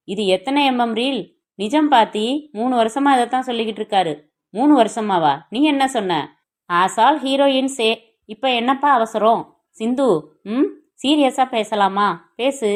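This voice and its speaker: A woman narrating a crime novel as an audiobook, reading the dialogue of every character herself. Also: on the high side.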